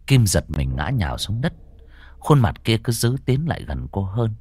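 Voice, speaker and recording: A man narrating a horror story in an expressive, dramatic way. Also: lowish voice, moderate pace, slight background noise.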